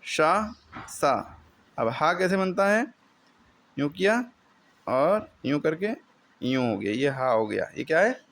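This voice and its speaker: A man's voice: fairly high pitch, very animated, slow, pauses often, fairly bright tone. A man teaching the alphabet in a classroom lesson, explaining patiently step by step and drilling each sound for a pupil to repeat.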